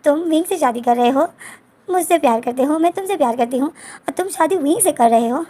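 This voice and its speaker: A woman's voice: sits high, fairly quick, warm tone, voice pushed up, lightly acted. A woman voicing a young, anxious, clingy girlfriend who pleads and protests in a storybook retelling. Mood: hurt protest. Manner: pleading, tearful, urgent.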